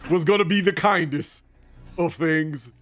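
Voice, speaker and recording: A man's voice: fairly high pitch, unhurried, a bit bright, faint music behind. A man livestreaming a video game with casual running commentary. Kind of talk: casual gaming stream commentary.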